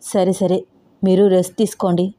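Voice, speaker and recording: A woman's voice: on the low side, flat delivery, normal speed, dark tone, natural voice. A woman voicing a worried young woman who pleads with her grandmother. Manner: fretful, pleading.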